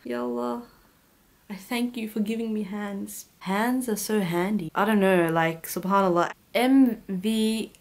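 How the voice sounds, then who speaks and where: A woman's voice: medium pitch, a little slow, creaky. A young woman, answering viewer questions in a casual, joking vlog. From Bangladesh. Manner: chatty and joking, lively asides. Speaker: YouTuber.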